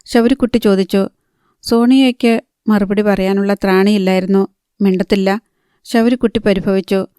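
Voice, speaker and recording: A woman narrating a novel in a calm, even storytelling manner. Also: mid-range voice, normal speed, clear, resonant tone, no room sound, studio quality. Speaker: audiobook narrator.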